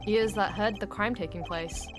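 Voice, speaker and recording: Woman doing young guy lawyer from a game, dry and skeptical, mid pitch, music behind. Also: moderate pace, natural voice. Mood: inquisitive. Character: wry, exasperated young male rookie lawyer. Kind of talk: video game dub reading. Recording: music under the voice.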